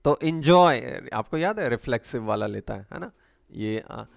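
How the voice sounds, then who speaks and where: A man teaching English grammar, reading each example sentence slowly in Indian-accented English and explaining in Hindi, checking in with "है ना". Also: mid-range voice, lively intonation, vocal fry. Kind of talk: bilingual grammar lesson.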